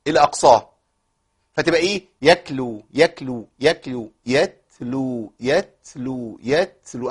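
High-pitched with a breathy edge, this male Quran recitation teacher speaks with an Egyptian accent. His tajweed lesson covers the rules through rhetorical questions he answers himself, plus recited examples.

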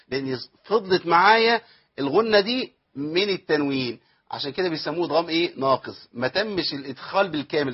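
A quick-talking Egyptian man teaches Quran recitation, firing off questions to his listeners and then answering them himself. His voice sits a little high and has a husky edge. The recording sounds dull and lo-fi. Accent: Egyptian Arabic. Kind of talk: tajweed lesson with recited examples.

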